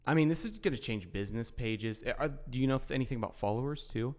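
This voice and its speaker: A man's voice: mid-range voice, quick pace, darkish tone. A young man co-hosting a podcast in casual chat, easygoing and a bit offhand. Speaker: podcast co-host.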